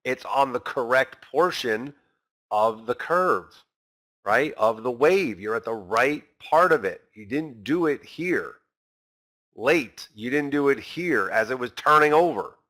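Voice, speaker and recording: Guy teaching trading, bright forceful voice, animated, talks right to the viewers and acts out what traders think. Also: medium pitch, slow. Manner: talks straight to the viewers as guys. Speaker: trading instructor. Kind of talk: recorded trading lesson.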